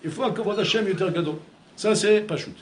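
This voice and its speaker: A man's voice: high voice, brisk. A man giving a Torah class as a rabbi, talking in a conversational way, repeating words and mixing in Hebrew terms. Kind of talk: sermon. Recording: echoey room with faint ambient noise.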